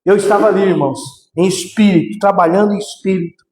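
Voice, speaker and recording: A man preaching a fervent testimony sermon, often calling out to his brothers and rising into shouts. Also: high voice, fairly even intonation, fast talker. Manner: fervent, repeatedly addresses "irmãos", bursts into shouts. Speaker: missionary preacher. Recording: echoey hall with long reverb.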